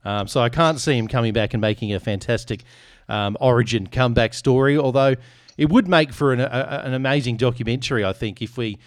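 Man, podcast host, joking, casual chat, mid pitch, dry close mic. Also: fairly quick, dry recording. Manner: joking, irreverent.

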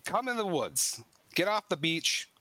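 A man voicing a brash, high-voiced feral boy. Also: big pitch swings, measured pace, no echo, full character voice. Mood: bossy. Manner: shouting, scolding.

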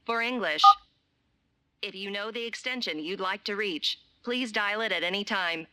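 A woman voicing an automated office phone menu, with a measured, polite, impersonal delivery. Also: medium pitch, pushed and bright, smooth, natural voice. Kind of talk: recorded phone menu announcement.

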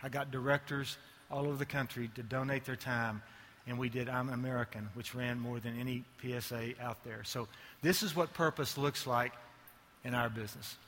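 A man's voice: mid-range voice, fairly even intonation, moderate pace, a bit bright. Guy doing a keynote, cracks jokes at himself, big echoey hall, faint room hum. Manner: joking, self-mocking asides. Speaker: ad agency executive giving a keynote. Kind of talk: conference keynote talk.

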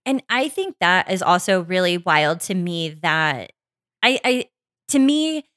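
A woman co-hosting a casual podcast chat with a slightly low voice. She talks in an emphatic, opinionated way and swears freely. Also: big pitch swings, measured pace, a bit bright. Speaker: podcast co-host.

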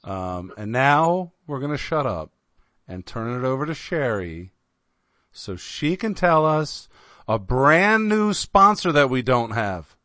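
A male podcast host in loose, joking chat, drawling his words. His pitch moves around a lot. The recording is dry and close. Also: very animated, pushed and bright, no echo. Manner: joking, drawn-out and teasing. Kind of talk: casual chat.

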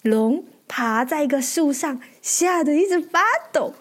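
Woman storyteller, high voice, lively picture-book reading to a child. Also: measured pace. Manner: animated, with sound effects and questions to the listener.

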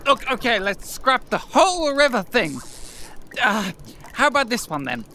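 A man's voice: extremely high pitch, sing-song, measured pace, sharp tone, slight background noise, full character voice. A man playing a pompous, easily flustered supervillain with a theatrical delivery in a comedy sketch. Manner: theatrical, flustered, stammering when challenged. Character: pompous, exasperated, petty male supervillain. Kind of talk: audio comedy sketch acting.

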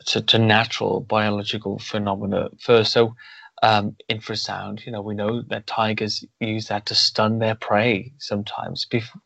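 In a conversational podcast interview, the male host rambles thoughtfully and restarts often. His voice is on the low side with little pitch movement, a moderate pace, and vocal fry, sounding pushed and bright. The sound is dry, dull, and lo-fi.

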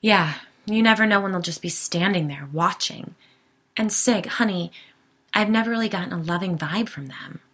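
A woman's voice: fairly low pitch, normal speed, a bit bright. Woman reading an exasperated worried husband. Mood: coaxing. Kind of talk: audiobook character voice.

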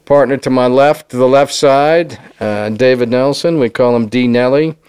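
A man's voice: medium pitch, moderate pace, a little mellow, smooth, no echo. A man hosting a casual interview podcast, upbeat and promotional, with a Southern Californian accent. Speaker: podcast host.

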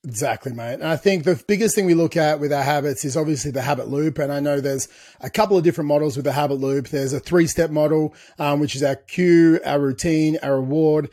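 A man co-hosting a podcast, his voice slightly high and husky. He talks in a casual, explanatory way, circling back and restarting mid-thought. The sound is dry and close. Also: a little fast, mellow, no room sound. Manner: explains at length, with restarts and "you know" asides. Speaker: podcast co-host.

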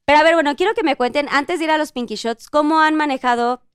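A woman's voice: high voice, fast talker, no echo, clean studio sound. A woman hosting a casual interview chat, reacting with laughs and encouraging her guests. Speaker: host.

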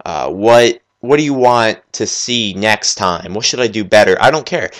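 A man hosting a solo gaming podcast, talking fast and enthusiastically in a rambling, off-the-cuff way while working at his computer. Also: lowish voice, expressive. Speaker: podcast host.

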